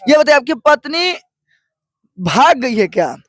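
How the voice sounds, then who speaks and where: A male local news reporter with a rather high voice, pressing his interviewee with blunt, probing questions. The recording is dry and close. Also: big pitch swings, unhurried, fairly bright tone, no room sound.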